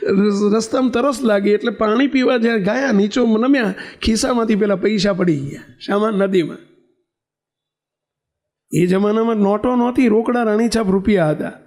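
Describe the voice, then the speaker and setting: High-voiced man preaching earnestly. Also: normal speed, a little mellow. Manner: earnest pleading, repetitive emphasis. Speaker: swami preaching. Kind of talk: sermon with storytelling.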